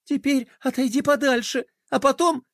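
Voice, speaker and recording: A man voicing a skeptical young skateboarding girl in a children's story, with a scoffing, excitable way of talking. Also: high voice, normal speed, dry recording, clean studio sound, pitched above the performer's own voice.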